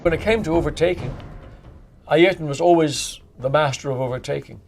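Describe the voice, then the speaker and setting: A man giving a documentary interview recollection, speaking in an animated way. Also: a little high, moderate pace, vocal fry, slight background noise.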